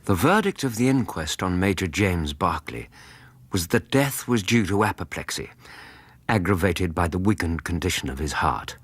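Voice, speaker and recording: An actor playing a decent, earnest English gentleman doctor in a radio drama, speaking in a measured, gently firm way. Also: low-pitched, animated, breathy edge, dry recording. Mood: sober narration. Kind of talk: radio drama acting and narration.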